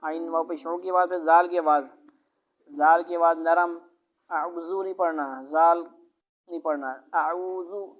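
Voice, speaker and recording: A woman with a Pakistani Urdu accent teaching a child Quran recitation, drilling syllables slowly and correcting pronunciation. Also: lowish voice, little pitch movement. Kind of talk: one-on-one recitation lesson. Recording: muffled lo-fi recording.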